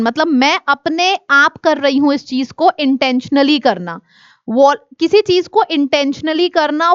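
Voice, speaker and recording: A woman teaching exam vocabulary, listing synonyms and antonyms in quick drilling runs. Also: sits high, fairly bright tone, no echo, lo-fi sound. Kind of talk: exam-prep vocabulary lesson.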